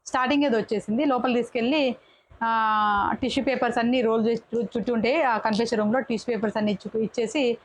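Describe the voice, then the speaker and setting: A woman talks through a reality show episode as if chatting with her viewers. Her voice sits a little on the high side. She keeps cutting herself off and restarting words as she goes. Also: steady tone. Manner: chatty, quick restarts and self-corrections. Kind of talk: casual episode review.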